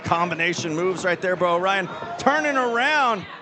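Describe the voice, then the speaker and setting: A man giving play-by-play as a wrestling commentator, with excited calls on the big moves. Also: sits high, moderate pace. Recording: live event with crowd behind. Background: crowd noise.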